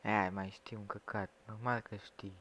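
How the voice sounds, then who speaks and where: A man chatting casually while livestreaming a shooter game, swearing loosely and shouting quick callouts. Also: lowish voice, flat delivery, crowd noise. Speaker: livestreaming gamer. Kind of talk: casual chat while gaming.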